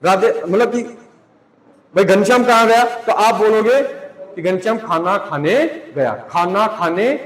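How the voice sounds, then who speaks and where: High-voiced man teaching in an echoey hall. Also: measured pace, fairly bright tone. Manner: asks students questions and answers them himself; spells out English words letter by letter. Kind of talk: classroom grammar lesson. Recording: echoey room with long reverb.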